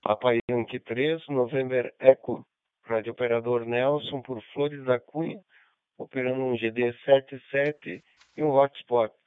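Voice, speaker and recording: A man with a crisp, medium-pitched voice checks in as a radio operator. He is heard through a dull, narrow radio transmission. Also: fairly even intonation, unhurried, no room sound. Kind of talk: radio check-in with spelled call sign. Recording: band-limited radio hotspot transmission.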